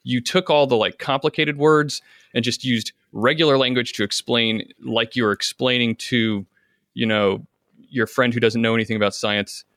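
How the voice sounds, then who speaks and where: Enthusiastic male judge, mid pitch, dry. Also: fairly even intonation, moderate pace, a bit bright, dry recording. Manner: enthusiastic, laughs while talking. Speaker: podcast contest judge. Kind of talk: casual critique.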